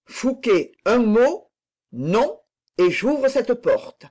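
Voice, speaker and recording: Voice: mid-range voice, very animated, drawn-out words, a little mellow, voice pushed up, exaggerated voice. A reader voicing an impassioned noble lady who declares her love in a fervent, pleading manner.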